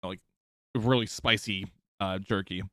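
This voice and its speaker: A man streaming, giving casual commentary over a video clip, halting and full of fillers and restarts. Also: sits low, steady tone, a bit bright, dry recording, studio quality.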